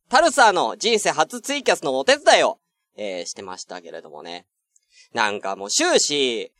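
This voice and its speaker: A man's voice: sits high, fairly bright tone, no echo, studio quality. A man hosting a podcast, telling a story in casual chat with lots of fillers and acted-out quotes. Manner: chatty storytelling, many fillers, acts out quoted exchanges. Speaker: podcast host.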